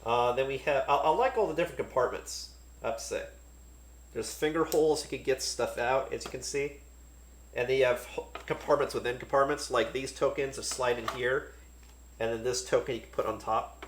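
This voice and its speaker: A man casually talking through a board game unboxing, relaxed and thinking aloud with many fillers. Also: medium pitch, a little fast, roomy sound, slight background noise.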